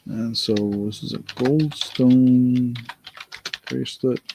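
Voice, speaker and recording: Gravelly, tired man running a casual auction. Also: mid-range voice, steady tone, noisy background. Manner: unhurried, rambling, thinks aloud with many fillers. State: tired, yawning. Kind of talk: casual live-stream auction talk.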